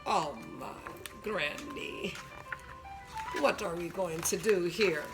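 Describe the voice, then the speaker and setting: A woman's voice: lowish voice, slow, faint music behind. A woman reading aloud and voicing a loving elderly grandmother who coos fondly in a sing-song way. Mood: frightened.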